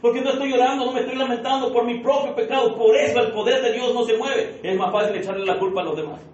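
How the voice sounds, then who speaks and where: In a church sanctuary, a male pastor preaches a fervent sermon, firing off repeated rhetorical questions and addressing the congregation as beloved brothers. His voice is extremely high and slightly mellow, with a steady tone and a quick pace. It was captured from far off in an echoey room, sounding dull and lo-fi.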